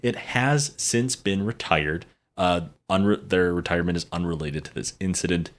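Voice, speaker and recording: A man's voice: deep voice, moderate pace. A man co-hosting a podcast, telling a story in a playful, casual way and laughing often. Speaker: podcast co-host. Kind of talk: casual chat.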